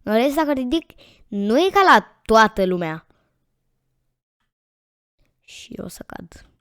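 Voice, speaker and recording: A woman hosting a gaming channel, chatting casually to viewers while she plays and repeating words in quick excited bursts. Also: on the high side, clean tone, dry recording, studio quality. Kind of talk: casual let's-play commentary.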